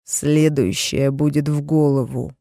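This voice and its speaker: A woman's voice: low-pitched, steady tone, warm tone, no room sound, clean studio sound. A woman doing a furious menacing husband. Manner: slow, hissing, threatening delivery.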